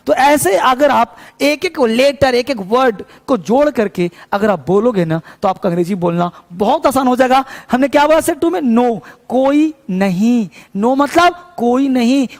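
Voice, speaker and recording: A man teaching English to Hindi speakers, who explains patiently, repeats phrases and keeps asking the class whether they follow. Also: very high-pitched. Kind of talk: spoken English lesson. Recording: long reverb in the room.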